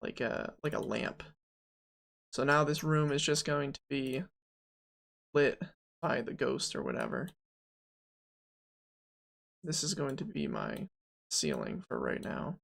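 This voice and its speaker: Someone in their early twenties streams game development, casually thinking aloud with jokes and plenty of fillers. The voice is medium-pitched, sing-song and gravelly with a fairly bright tone, taking it slowly with long pauses.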